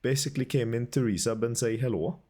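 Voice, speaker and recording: A man's voice: mid-range voice, fast talker, a little mellow. A man streaming a game, chatting politely with viewers and thanking them, with a stuffy nose and a cough. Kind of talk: casual gaming commentary.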